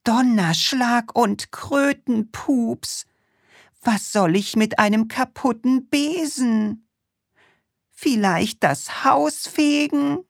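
A woman voicing a forgetful, flustered female witch in a storybook, chanting spells in a slow sing-song. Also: fairly high pitch, no echo, studio quality, pitched above the performer's own voice, exaggerated voice. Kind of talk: storybook reading.

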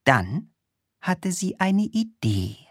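Slow, low-voiced woman reading a children's story. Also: breathy edge, dry recording, clean studio sound. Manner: slow, expressive read-aloud.

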